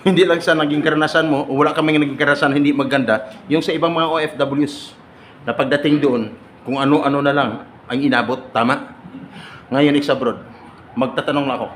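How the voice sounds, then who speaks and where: A man's voice: on the high side, steady tone, fairly quick. A man giving a joking seminar talk to overseas workers, teasing and quizzing the audience and laughing often. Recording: echoey room with loud ambient noise.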